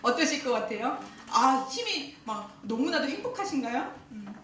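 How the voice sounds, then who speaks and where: A woman's voice: sits high, very animated, moderate pace, a bit bright, a little hiss or hum. A woman giving a talk at a church teachers' seminar, often questioning her audience and laughing as she speaks. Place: church hall. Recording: echoey hall, voice from far off.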